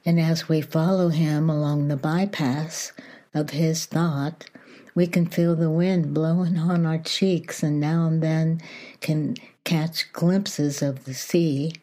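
Woman, low pitch, unhurried pace, soft morning voice, gentle devotional reading. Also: steady tone. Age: older. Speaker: podcast host.

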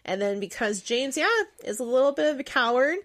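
Animated woman co-host, higher voice, profane casual film chat. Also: a little fast. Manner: animated, acts out character quotes, swears. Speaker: podcast co-host.

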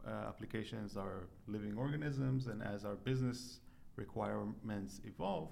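A man's voice: on the low side, moderate pace, creaky, a little mellow, a little hiss or hum. A man from Israel, a company co-founder and guest, explaining things methodically in a conversational interview with frequent restarts. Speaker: guest, startup CTO. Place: convention hall.

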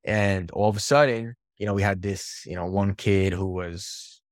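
Low-pitched man as a podcast guest, sales coach, animated storyteller with casual swearing, dry close sound. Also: normal speed, no room sound.

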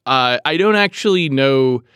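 A man's voice: medium pitch, animated, unhurried, fairly bright tone, clear, resonant tone, dry recording. A man co-hosting a podcast in casual chat, with a dry, teasing, joking delivery. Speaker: podcast co-host.

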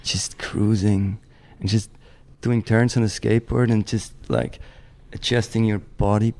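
A Swiss snowboarder in his thirties, from the German-speaking region, appears as a guest in a casual interview. His lowish voice moves at a measured pace with some vocal fry, and he rambles in a relaxed way, restarting often and saying "like" a lot.

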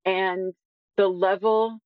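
A woman in her twenties, a guest and detransition advocate, speaks earnestly in a conversational discussion and often says "like." Her voice is medium-pitched with little pitch movement, and she takes her time. The audio has phone-quality sound with no echo.

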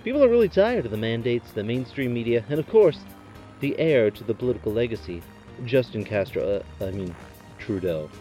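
A man doing a deadpan comedy bit as a trucker talking over a CB radio, full of radio lingo. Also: medium pitch, a little fast, faint music behind.

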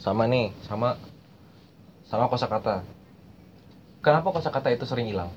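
This young podcast host sounds animated and fairly quick, with a mid-range, slightly mellow voice. In a casual chat he explains language learning using slang, repeating phrases as he goes. The audio is muffled and lo-fi with faint background noise.

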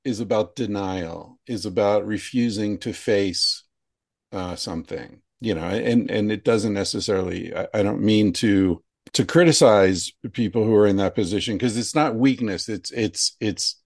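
Low-voiced man hosting a thoughtful interview. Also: normal speed, darkish tone, no echo, studio quality. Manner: thoughtful, rambling with many restarts. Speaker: podcast host. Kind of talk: conversational interview.

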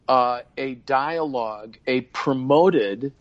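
A man's voice: mid-range voice, slow pace. An older man talking in an earnest, preacherly way in a casual podcast conversation, often restarting his sentences. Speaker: guest minister. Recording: dull lo-fi sound.

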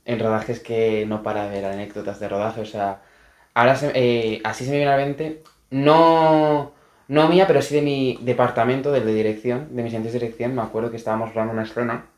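A man, a film director, telling anecdotes in a casual podcast chat and acting out quotes. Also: mid-range voice. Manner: lively storyteller acting out quotes. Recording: roomy echo with faint noise.

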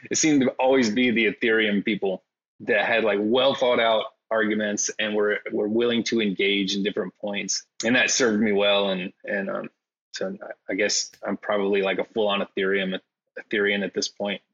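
A man's voice: fairly low pitch, flat delivery, normal speed, fairly bright tone, slightly rough, muffled recording. A man chatting as a podcast guest in a hesitant, self-deprecating way, full of fillers. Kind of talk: casual interview conversation.

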